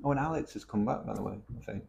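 A podcast host from Cheshire, England, speaks with a North West English accent in a fairly low, very fast voice, with vocal fry and a slightly mellow quality. He keeps the chat casual, full of teasing banter and tag questions, over slight background noise.

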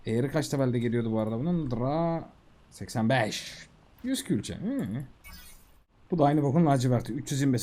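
A man giving casual, excitable commentary while playing a video game, talking to himself and the creatures on screen. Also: mid-range voice. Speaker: gaming YouTuber.

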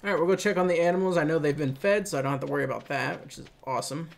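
A man's voice: fairly high pitch, very fast, creaky, a little hiss or hum. A man hosting a casual let's play, musing aloud and chatting as he plays. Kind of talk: casual gameplay commentary.

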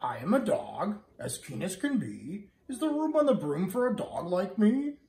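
A man's voice: sits high, sing-song, normal speed, a little mellow. A man voicing an eager, polite animal in rhyme while reading a picture book to a toddler. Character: eager, polite animal asking to join, storybook. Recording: echoey living room, distant mic.

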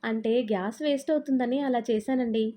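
Woman reading as a commanding middle-aged mother-in-law, brisk, thrifty, warm mellow tone, fairly high voice. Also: close to an everyday voice. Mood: bossy.

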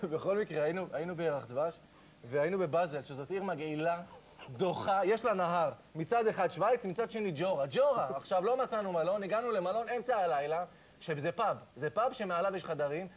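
Male comedian guest, high pitch, animated self-mocking storyteller, slight background hiss. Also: low-quality recording. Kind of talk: comic storytelling on a talk show.

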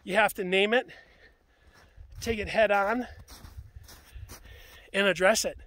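Brief: plainspoken man with a fairly high voice, winded after walking, talking outdoors into a handheld camera. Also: fairly even intonation, slow pace, bright, forceful tone. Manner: plainspoken, emphatic, restarts phrases. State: out of breath. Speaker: homestead vlogger. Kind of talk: casual outdoor vlog. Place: outdoors on ranch land.

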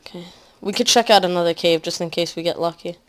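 A woman giving casual let's-play commentary at home, rambling with lots of fillers and often trailing off quietly. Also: on the low side, fast talker. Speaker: gaming commentator.

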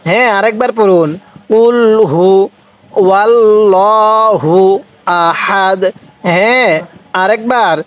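A man teaching Quran recitation to Bangladeshi listeners, repeating each word slowly and asking them to recite along. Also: high-pitched. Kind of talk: slow step-by-step recitation lesson.

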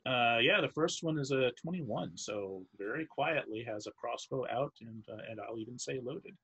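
A man narrating as dungeon master, talking in halting bursts with many restarts and easy laughter. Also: mid-range voice, animated, a bit bright, slightly rough. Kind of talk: narrating a tabletop game.

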